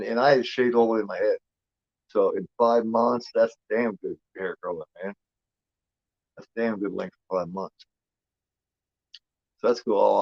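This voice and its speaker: A man's voice: fairly low pitch, no room sound, lo-fi sound. A man of fifty talks casually and rambles, repeating himself with lots of fillers and the odd curse. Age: 50s. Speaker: host. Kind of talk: casual watch-along commentary.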